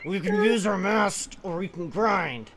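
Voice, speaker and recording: A performer voicing a large, smug male fire dragon with a rumbling, sizing-up delivery in a story read aloud. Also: unhurried, crowd noise, lightly acted. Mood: businesslike, forward. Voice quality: deep rumbling voice. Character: large muscular masked male Charizard, smug, appraising.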